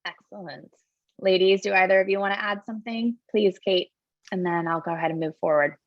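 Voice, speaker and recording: Woman panel host, brisk and upbeat, dull dry call audio. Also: medium pitch, no room sound. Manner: upbeat, brisk, quick with short affirmations. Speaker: admissions officer, panel host. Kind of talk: moderating an online panel.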